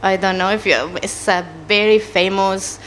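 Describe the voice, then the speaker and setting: A woman's voice: medium pitch, little pitch movement, normal speed, fairly bright tone, a little hiss or hum. A woman from Chile with a Chilean Spanish accent, speaking English as a second language, answering interview questions hesitantly with many fillers. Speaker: animator, interview guest.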